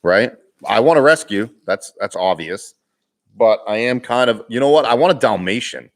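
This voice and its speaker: A young man with a Boston accent hosts a live Q&A stream, chatting casually in an expressive, medium-pitched voice at a moderate pace. He reads comments aloud, laughs a lot, and keeps restarting his sentences.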